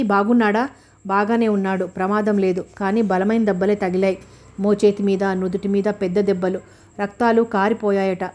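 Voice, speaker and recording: A woman's voice: mid-range voice, warm tone. A woman narrating an audiobook of a novel, reading every character's lines in her own voice.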